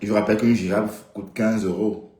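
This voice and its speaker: A man's warm, level voice, on the low side and fairly quick, carries his rambling live-stream commentary. He speaks straight to viewers with frequent asides, peppered with "hein" and "d'accord". The sound is roomy, with a little hiss or hum.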